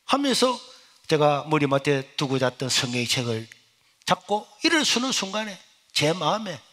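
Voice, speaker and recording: A middle-aged male pastor, preaching a sermon as personal testimony. He swings from loud exclamations to hushed, near-whispered lines. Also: a little high, big pitch swings, moderate pace.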